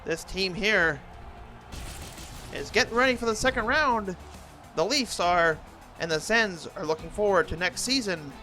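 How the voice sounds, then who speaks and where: A man doing an announcer-style play-by-play commentary of a hockey video game, excitable on big plays. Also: high voice, unhurried, long pauses, faint music behind.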